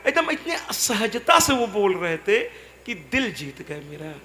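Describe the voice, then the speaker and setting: A man's voice: high-pitched, very animated, measured pace, a little hiss or hum. A male preacher giving a devotional discourse to a live audience, retelling a conversation and acting out both voices. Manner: softens to a gentle murmur when speaking to a child on stage. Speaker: katha preacher.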